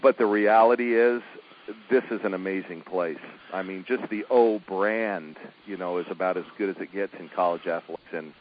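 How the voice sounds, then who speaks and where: Middle-aged man, lowish voice, relaxed coach interview, muffled lo-fi line, faint hiss. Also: moderate pace. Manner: easygoing, chuckling, many fillers and restarts. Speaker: women's college basketball coach. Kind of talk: phone interview, casual chat.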